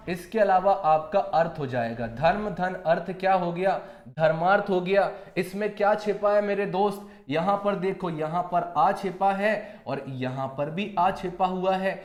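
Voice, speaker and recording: A male teacher with a Madhya Pradesh Hindi accent runs an exam-prep grammar lesson, throwing out questions and answering them himself. His voice sits high, and he keeps repeating key terms as he calls the students dear friends. The room around him is echoey. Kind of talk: online exam-prep lecture.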